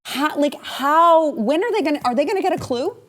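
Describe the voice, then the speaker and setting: A woman's voice: high voice, animated, fairly quick. A woman hosting a political talk show, chatty and rambling, laughing often and restarting her sentences. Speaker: host.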